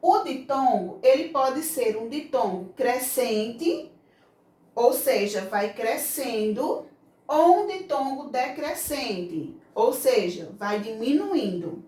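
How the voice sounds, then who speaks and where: A woman teaching a grammar lesson to children with a Brazilian Portuguese accent, explaining slowly and patiently. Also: a little high, animated, warm tone. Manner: slow, patient explaining, voices children's questions. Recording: echoey room, mic far off.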